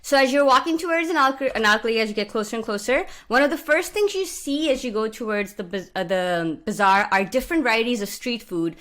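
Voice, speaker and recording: A woman's voice: fairly high pitch, expressive, fast, few pauses, a bit bright. A young woman from Pakistan giving a friendly, explanatory talk over slides, with many "uh" and "um" fillers, recorded at home on a studio mic. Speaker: guest speaker. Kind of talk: presentation narrated over slides. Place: small indoor room at home. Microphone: studio mic on stand with pop filter.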